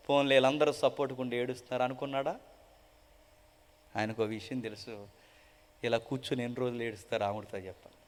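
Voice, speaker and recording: A man preaching a dramatic gospel sermon with a Telugu-speaking South Indian accent, swinging between loud proclaiming and hushed, mournful tones and asking the crowd repeated rhetorical questions. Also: medium pitch. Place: large gospel meeting hall. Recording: long hall reverb.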